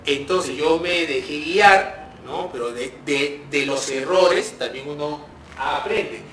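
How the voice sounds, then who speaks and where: Middle-aged man, paramedic instructor, casual lecture with acted-out dialogue, slightly high voice, echoey room heard from a distance. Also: slow pace, a crowd in the background. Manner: conversational, tag questions, acts out dialogue. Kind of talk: informal classroom lecture. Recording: echoey room, voice from afar, faint hum.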